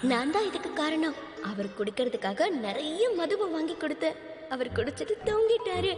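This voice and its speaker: A woman's voice: high voice, animated, moderate pace. A woman dubbing a brash, boastful young swordswoman, with music behind. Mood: confident. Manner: brash and confident.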